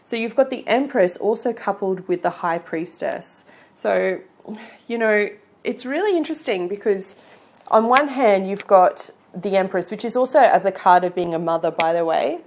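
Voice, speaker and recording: A woman's voice: medium pitch, animated, normal speed. A woman with an Australian accent giving a casual, chatty tarot reading to camera and encouraging her viewers. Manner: chatty, encouraging, often checks in with "okay?" and "right?". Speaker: tarot reader.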